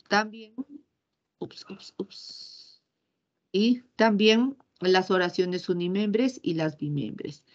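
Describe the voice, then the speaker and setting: Slow, low-voiced woman teaching. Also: highs cut off. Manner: patient and explanatory, checking in with tag questions. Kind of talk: classroom grammar lesson.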